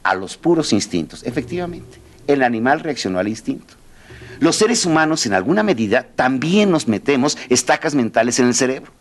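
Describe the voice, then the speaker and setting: A man's voice: mid-range voice, a little fast. A man giving a motivational talk, telling a story and speaking straight to the audience. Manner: animated, addresses the audience directly.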